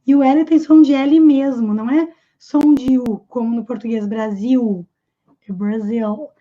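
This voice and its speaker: A Brazilian woman teaches an online English lesson. Her voice sits high yet sounds mellow, and the recording is a little dull. She explains each point patiently and puts rhetorical questions to her viewers. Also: moderate pace.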